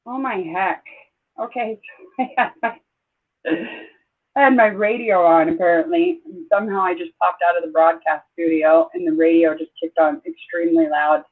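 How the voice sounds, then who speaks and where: An older woman from Southeast Idaho hosting a casual livestream chat, rambling and exclaiming as she gets excited. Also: lowish voice, moderate pace. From Southeast Idaho, USA. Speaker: livestream host. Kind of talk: casual live-stream chat. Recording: tinny phone-like sound.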